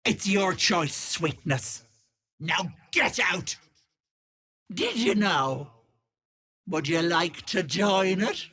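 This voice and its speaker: An actress playing a sinister old hag who poses as a kindly auntie in a video game, cooing mocking endearments in a theatrical way. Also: female voice, on the low side, lively intonation, extremely slow, pauses often, a bit bright, breathy edge, full character voice. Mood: menacing. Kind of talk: video game character acting.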